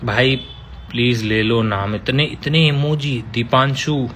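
A man's voice: medium pitch, slow, a bit bright, a little hiss or hum. A man, chatting casually on a live stream and answering fan comments with teasing, playful banter.

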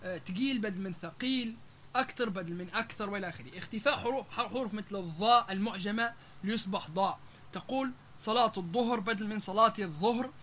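A man with a Libyan Arabic accent giving a public lecture to an audience, rattling off example words and pausing on long "aah" fillers. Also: high-pitched, pushed and bright, slight background noise. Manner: rapid, with frequent drawn-out "aah" fillers, listing example words one after another.

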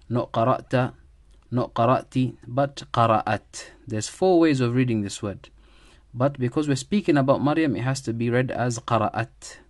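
A man gives an online Arabic grammar lesson in a voice of ordinary pitch. He speaks slowly and repeats each Arabic phrase before translating it. The recording is dry and close, with no room sound. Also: darkish tone, dry recording. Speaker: Arabic teacher.

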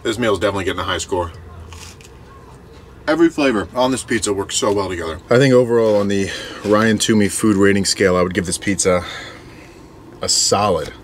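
A young man vlogging as he cooks in a small camper van kitchen, relaxed and chatty. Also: fairly low pitch, brisk, long pauses. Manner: relaxed, chatty, talks while cooking. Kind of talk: casual cooking vlog. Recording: noisy camper van recording.

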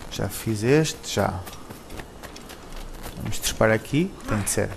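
A man's voice: on the low side, lively intonation, slow pace, gravelly, slight background noise. A man with a European Portuguese accent giving casual gameplay commentary, joking cheekily and talking back to the characters.

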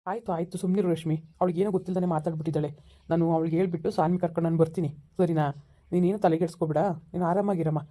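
A man playing a father who calms his upset daughter on the phone in an amateur village family drama. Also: fairly high pitch, rapid-fire. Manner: soothing, reassuring.

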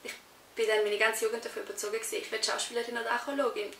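A young adult Swiss actress with a Swiss German accent gives casual interview answers from a sofa in a small indoor room. Her fairly high, slightly bright voice is steady and fast. The recording has a roomy echo, a distant mic and faint hiss.

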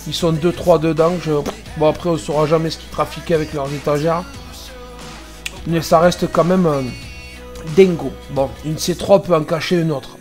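A man's voice: on the high side, steady tone, moderate pace, darkish tone, soft background music. A man, a truck driver, commenting casually and sarcastically on dashcam clips, exasperated at other drivers.

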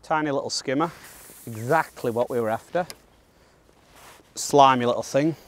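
Speaking at medium pitch and normal speed, this Northern English man of about thirty talks through a fishing guide from the bank of a pond. His instructional commentary is casual, colloquial, plain-spoken and matter-of-fact, delivered outdoors while he fishes.

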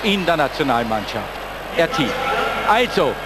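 A man's voice: on the high side, very animated, normal speed. A middle-aged man giving live pre-match football commentary on a headset in a stadium. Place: commentary position in a packed open stadium. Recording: loud stadium crowd and noise.

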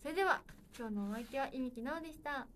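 A woman in her twenties with a fairly high voice hosts a solo livestream. She chats playfully and casually, talking straight to her viewers. A faint noise sits under her voice. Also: fast, a bit bright. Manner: playful and chatty, addressing viewers directly. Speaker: livestream host.

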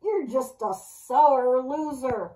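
A woman's voice: high-pitched, slow, dark tone, distant mic. A woman playing a boastful roaring dinosaur book.

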